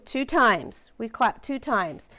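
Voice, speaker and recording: A woman's voice: fairly high pitch, very animated, takes it slowly, background noise. A woman teaching a phonics lesson, patiently sounding out letters and words and encouraging her learners.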